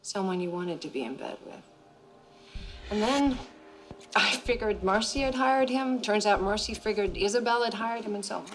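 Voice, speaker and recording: An actress playing a guarded, career-driven wealthy woman, speaking in measured lines in a television drama. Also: medium pitch, a little hiss or hum, natural voice. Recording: TV drama with music underneath.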